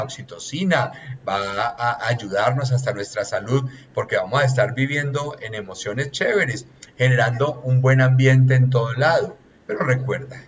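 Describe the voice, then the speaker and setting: A man's voice: medium pitch, lo-fi sound, a little hiss or hum. A man, a relationships consultant giving an earnest, teacherly coaching talk that lists points one by one.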